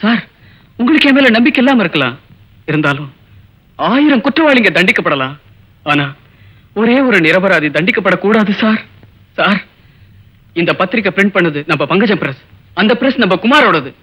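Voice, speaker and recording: An earnest young student pleading. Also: male voice, high voice, animated, moderate pace, pauses often, fairly bright tone. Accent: Tamil. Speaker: college student. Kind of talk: 1980s film acting.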